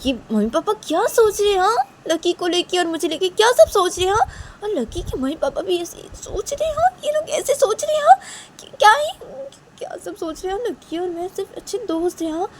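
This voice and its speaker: Woman playing a shrill flustered young girl. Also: very animated, a little fast, slight background noise. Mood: upset musing. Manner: high-pitched, shrill, pleading. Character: young woman, flustered, protesting to her parents.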